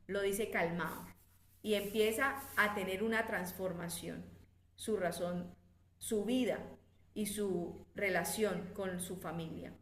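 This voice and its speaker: A woman psychologist giving a faith-based workshop talk to women, lively and direct, acting out quoted voices. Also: medium pitch. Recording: echoey room.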